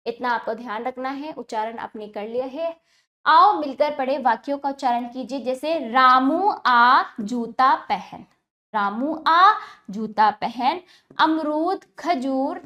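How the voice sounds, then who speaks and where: A woman with a high voice teaches young children, speaking at an unhurried pace. She sounds each word out and repeats it several times, pausing for the class to follow. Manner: slow drilled repetition of words. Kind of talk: children's Hindi lesson.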